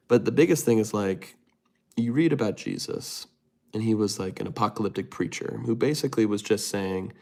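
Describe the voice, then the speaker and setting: Reading chat on a casual livestream, the male host answers viewer comments in a rambling way, often starting over. His voice is fairly low and darkish, with vocal fry.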